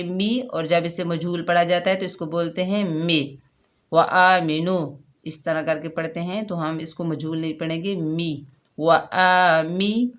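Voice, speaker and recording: A woman teaching a Quran recitation lesson step by step, patiently explaining each rule and drawing out syllables slowly when she models them. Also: on the low side.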